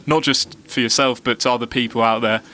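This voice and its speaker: A male interviewer asking brisk, plain questions. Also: mid-range voice, fairly even intonation. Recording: loud background noise.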